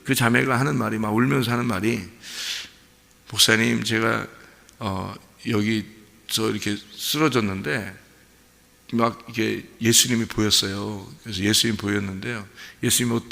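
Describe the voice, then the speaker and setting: A man's voice: mid-range voice, creaky, fairly bright tone. A man preaching a sermon as pastor, telling a story animatedly and asking his congregation questions. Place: church sanctuary. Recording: church hall reverb.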